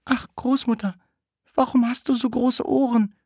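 A man voicing a curious, innocent little girl in a storybook, asking questions in a high falsetto. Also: fairly even intonation, moderate pace, husky, dry recording, studio quality, heavily acted. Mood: wondering. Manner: high, bright, wide-eyed questioning.

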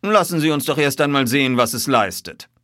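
A man voicing a calm, unshakably composed male detective in a raised voice. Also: mid-range voice, fairly quick, dry recording, clean studio sound, voice pushed up, lightly acted.

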